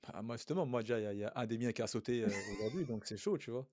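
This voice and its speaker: A man co-hosting a casual podcast discussion, lively and slangy, quick with agreeing interjections. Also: mid-range voice, no echo, studio quality. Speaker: podcast co-host.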